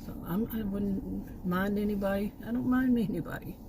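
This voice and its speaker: Near a park outdoors, a middle-aged Texan woman vlogs at a moderate pace in a medium-pitched voice. Her casual talk digresses, drifting away and circling back to the point, with background noise behind her.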